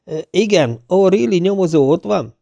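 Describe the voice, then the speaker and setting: Egy morgós, nyers modorú, középkorú börtönhadnagy , ahogy egy férfi felolvasó eljátssza egy hangoskönyvben. A hangja a felolvasóénál feljebb szól és hangosabb, a felvétel pedig száraz. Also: male voice, high voice, lively intonation, dark tone, dry recording, lo-fi sound, voice pushed up. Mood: gruff. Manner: gruff, blunt. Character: gruff male prison lieutenant, middle-aged.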